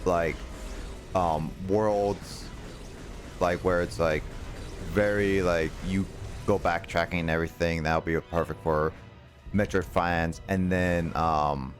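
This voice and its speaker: A deep-voiced young man talks over faint game music as he streams. His commentary is casual and rambling, full of hesitant thinking aloud. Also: fairly even intonation, slow. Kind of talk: casual live gameplay commentary.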